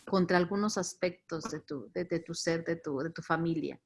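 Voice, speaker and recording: A woman's voice: on the low side, moderate pace. A woman with a Latin American Spanish accent leading a virtual faith formation talk, reflective, repeating words and stressing key ideas. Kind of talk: virtual teaching reflection on scripture.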